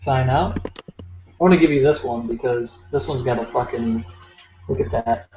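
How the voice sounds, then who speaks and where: A man's voice: mid-range voice, moderate pace, faint music behind. Joking, profane man on a podcast. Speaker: podcast co-host. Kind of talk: casual podcast banter. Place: home room, dogs nearby. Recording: roomy, dull lo-fi podcast audio with faint noise.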